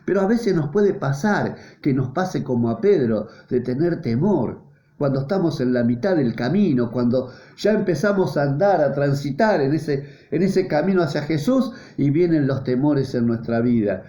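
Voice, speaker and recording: A man's voice: a little high, expressive, normal speed, mellow. A man, a pastor preaching a sermon in an earnest, repetitive way, his voice rising and falling. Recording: roomy, dull lo-fi church sound.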